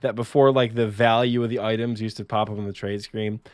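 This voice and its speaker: A man's voice: lowish voice, flat delivery, fairly quick, dry recording, clean studio sound. A man co-hosting a podcast, telling a casual story with lots of fillers, restarts and self-mocking asides. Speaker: podcast co-host.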